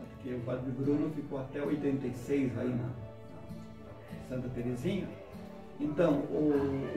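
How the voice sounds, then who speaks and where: Guy with a gravelly voice telling old neighborhood history, kinda far from the mic in an echoey room, music under it. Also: mid-range voice. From moved to São Paulo in 1987. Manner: explanatory, chuckles while telling. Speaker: interviewee recalling community history. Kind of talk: documentary interview. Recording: roomy, distant mic with music bed.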